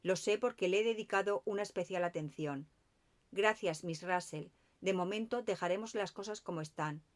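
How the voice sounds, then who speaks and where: A woman's voice: mid-range voice, moderate pace, close to an everyday voice. A woman reading the lines of a methodical male police inspector in an audiobook, matter-of-fact and businesslike.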